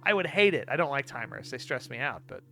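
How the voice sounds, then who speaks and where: A man's voice: mid-range voice, big pitch swings, fast talker, vocal fry, heavy background noise. A man giving casual, rambling and joking playthrough commentary as he reacts to a video game. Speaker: gaming streamer.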